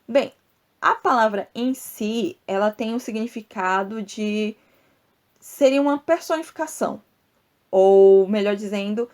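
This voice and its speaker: A woman's voice: mid-range voice, darkish tone. A woman host teaching a podcast lesson on poetry. She explains step by step, drawing out sounds and syllables and turning to listeners with little asides. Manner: explanatory, addresses listeners directly with asides like "tá, gente?"; spells out rhymes and syllables slowly.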